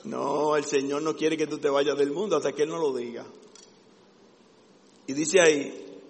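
A man's voice: on the high side, steady tone, unhurried. A man preaching a sermon with fervent, emphatic delivery. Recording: long echo of a large hall.

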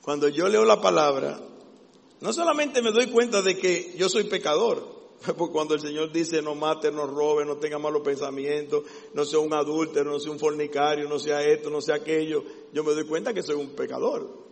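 Fervent high-voiced male preacher, gravelly. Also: moderate pace. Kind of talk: sermon. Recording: long echo of a large hall.

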